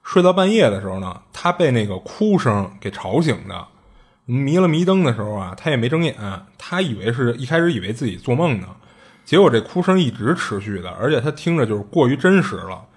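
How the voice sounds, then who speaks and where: Man, husky voice, casual storyteller, chatty and colloquial, restarts and asides. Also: medium pitch, big pitch swings, brisk. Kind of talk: casual retelling of strange tales.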